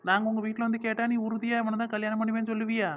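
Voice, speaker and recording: A woman's voice: a little high, monotone, racing, dull audio, faint music behind, close to an everyday voice. Woman voicing a cheeky teasing village girl. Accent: southern Tamil village dialect.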